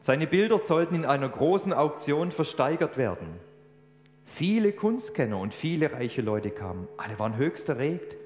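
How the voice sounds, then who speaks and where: A man preaching a sermon, telling a story with animated emphasis. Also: a little high, moderate pace, faint music behind. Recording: echoey church hall, faint hum.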